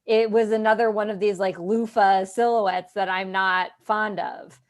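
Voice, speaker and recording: Woman breaking down a runway look, calm and analytical, casual chat. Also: mid-range voice. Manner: measured, analytical critique. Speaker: panelist.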